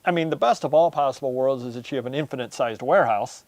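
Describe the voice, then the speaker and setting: A man's voice: medium pitch, quick pace, crowd noise. A man in his forties talking conversationally to viewers as a host, explaining step by step with examples on a lapel mic. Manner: explanatory, addresses viewers, works through examples. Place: indoors, large warehouse storage aisle.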